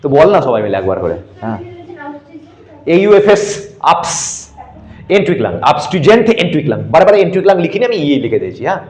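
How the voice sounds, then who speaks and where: A man's voice: a little high, big pitch swings, quick pace, a little mellow. A man teaching a geography class, spelling out terms letter by letter and drilling the students. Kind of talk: classroom lecture. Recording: echoey room.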